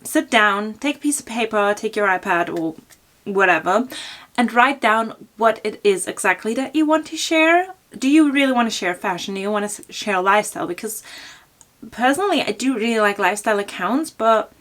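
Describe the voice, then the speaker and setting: A woman's voice: medium pitch, expressive, moderate pace, fairly bright tone. A young woman chatting casually in a Q&A video, rambling with many fillers and restarts while doing her makeup. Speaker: fashion YouTuber. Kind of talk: casual Q&A chat.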